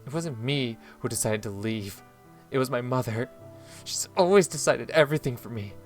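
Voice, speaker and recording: A man reading the lines of a hurt, bitter young woman from a visual novel in a low, subdued voice, with faint music behind. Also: normal speed, lightly acted.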